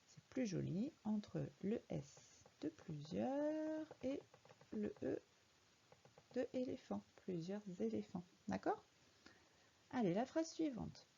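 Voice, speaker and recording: A woman's voice: lowish voice, creaky, dark tone, breathy edge, highs cut off. A woman teaching a young child to read in a recorded lesson, patiently spelling words out letter by letter. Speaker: primary school teacher.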